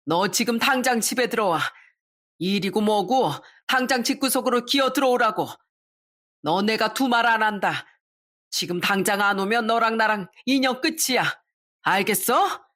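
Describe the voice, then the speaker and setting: A woman voicing an older mother-in-law who scolds and shouts in commanding bursts, reading a story aloud. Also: a little high, normal speed. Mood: furious scolding.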